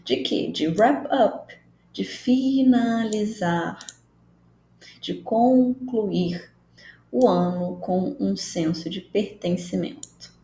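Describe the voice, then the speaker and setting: A woman teaches an online lesson in a dark, gravelly voice, taking her time. She is patient and explanatory and goes back over key phrases. The room around her rings with echo. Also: medium pitch, drawn-out words. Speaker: English teacher. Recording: roomy echo, faint background noise.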